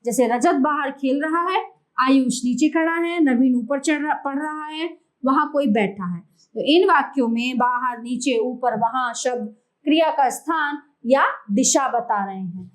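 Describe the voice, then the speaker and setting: A woman teaching a grammar lesson to young children, reading out example words slowly and clearly, and addressing them as dear children. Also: high voice, rough recording. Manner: slow, deliberate listing of example words.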